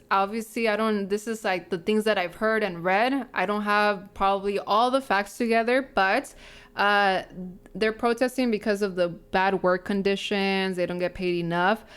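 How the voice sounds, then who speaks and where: A woman's voice: mid-range voice, a bit bright, clear, resonant tone. A woman in her thirties co-hosting a podcast, chatting casually and rambling with lots of fillers and restarts. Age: 30s. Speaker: podcast co-host. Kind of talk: casual chat.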